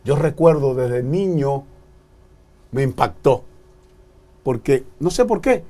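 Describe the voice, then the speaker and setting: A man's voice: medium pitch, slow. A man from the Dominican Republic with a Dominican accent, hosting a TV talk show and growing emphatic as he tells stories. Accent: Dominican Spanish. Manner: expressive, grows emphatic telling stories.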